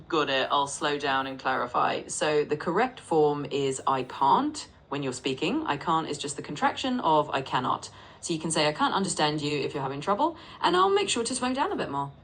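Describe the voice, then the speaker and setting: A synthetic female voice acting as a patient English tutor, gently correcting and repeating sentences. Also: sits low, very animated, fairly quick, hardly any pauses, husky, low-quality recording. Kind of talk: conversational language tutoring.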